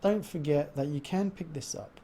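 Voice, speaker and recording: A man's voice: on the high side, moderate pace, warm tone, a little hiss or hum. A man hosting a livestream in casual chat, pronouncing his R's like W's. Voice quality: cannot pronounce R's, says w for r. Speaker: livestream host.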